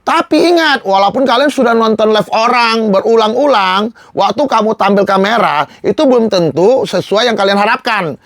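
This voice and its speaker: A man's voice: high voice, moderate pace, few pauses, fairly bright tone, no room sound, clean studio sound. A young man coaching viewers through tutorial slides in a casual, emphatic way. He asks rhetorical questions and keeps repeating his reminders. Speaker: live-selling coach. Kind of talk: slide-based tutorial talk.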